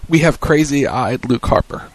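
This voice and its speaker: A man's voice: medium pitch, lively intonation, unhurried, no room sound, poor audio. Male radio co-host who retells wrestling segments and calls the match in commentator style, mid-range voice. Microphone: studio mic on a web radio show.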